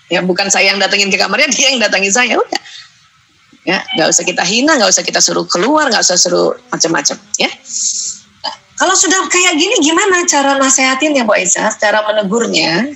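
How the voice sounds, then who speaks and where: A middle-aged woman giving a lively parenting lecture, acting out mothers and children in short quoted lines. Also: high voice, poor audio. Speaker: parenting speaker.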